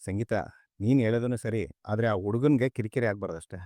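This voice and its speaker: A man's voice: on the low side, quick pace, mellow, no room sound, clean studio sound, close to an everyday voice. A man playing a chatty former policeman. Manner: casual, chatty. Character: former policeman, family man, easygoing uncle. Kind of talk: TV serial acting.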